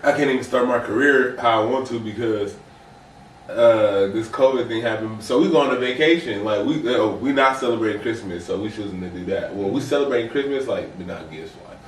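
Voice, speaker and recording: A man's voice: fairly low pitch, a little fast, far from the mic. A young man in his twenties, co-hosting a podcast, telling long slangy stories in casual chat. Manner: rambling storyteller, slangy, acts out quotes. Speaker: podcast co-host. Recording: roomy sound, off-mic, faint noise.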